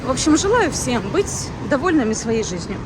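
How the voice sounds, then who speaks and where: A woman's voice: high-pitched, very animated, moderate pace. A woman in her thirties vlogging casually outdoors, musing aloud and rambling with fillers and restarts. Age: 30s. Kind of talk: casual walking vlog chat. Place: outdoors on a city street. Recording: street traffic noise behind.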